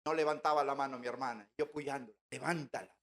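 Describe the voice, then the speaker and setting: A man's voice: mid-range voice, steady tone, quick pace. A man giving a personal conversion testimony at a church gathering. He tells his story and stresses key words by repeating them. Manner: storytelling, acting out remembered dialogue; repeats words and phrases for emphasis.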